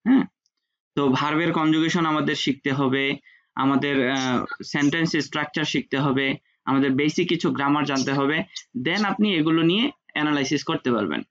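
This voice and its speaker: A man's voice: a little high, fairly quick, fairly bright tone. A man teaching an online French class in Bengali, patiently drilling pronunciation. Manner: patient, repeats sounds for students to echo. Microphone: video call. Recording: dull lo-fi video call audio.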